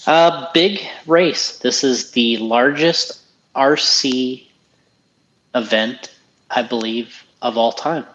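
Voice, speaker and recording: A man with a medium-pitched, fairly bright voice talks slowly on a rough recording. Co-hosting a casual podcast, he chats about an RC race in an easygoing, rambling way, restarting his sentences often as he gives race commentary.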